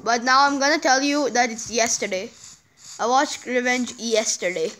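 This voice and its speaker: A young woman with a high, bright voice talks through a video game session. She chats casually and bursts into excited exclamations as things happen. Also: normal speed. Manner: excitable, chatty, frequent exclamations. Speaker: gamer.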